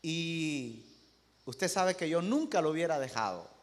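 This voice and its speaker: A man voicing a humble, faithful male servant who answers his king softly and calmly. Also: on the high side, unhurried, pitched below the performer's own voice. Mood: calm assurance. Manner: soft, calm, patiently reassuring. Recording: echoey church hall.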